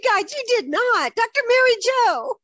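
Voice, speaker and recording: A woman's voice: very high voice, very animated, moderate pace, fairly bright tone, no room sound, muffled recording. A woman hosting an interview who reacts to her guest with short, eager exclamations. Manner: brief eager exclamations and agreement. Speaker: host.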